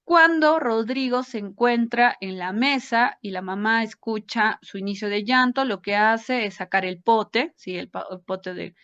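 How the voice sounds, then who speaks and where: A woman's voice: a little high, unhurried, few pauses, fairly bright tone, clean tone. Woman lecturing, dull lo-fi audio. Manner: explanatory, checks in with frequent tag questions. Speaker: psychology lecturer. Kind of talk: academic lecture.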